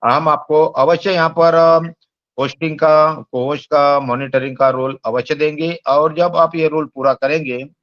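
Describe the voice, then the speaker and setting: A man's voice: on the high side, fairly even intonation, a little slow, no room sound. Polite man on dull, dry call audio. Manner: polite and formal. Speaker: core team member closing the meeting. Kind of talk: formal closing remarks.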